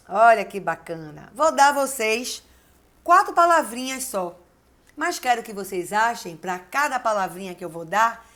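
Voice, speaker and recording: A woman, a teacher giving a video lesson, who dictates slowly and repeats key words syllable by syllable while encouraging her class. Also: on the high side, fairly bright tone. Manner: encouraging, addresses the class directly. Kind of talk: video lesson with word exercises.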